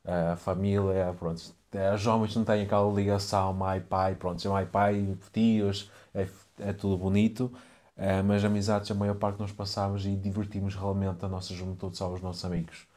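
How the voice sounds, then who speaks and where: A man's voice: deep voice, little pitch movement, moderate pace, a little mellow. A young man from Ukraine with Ukrainian as his first language, speaking hesitantly and reservedly as an interview guest. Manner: hesitant, reserved, many fillers. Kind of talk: casual interview.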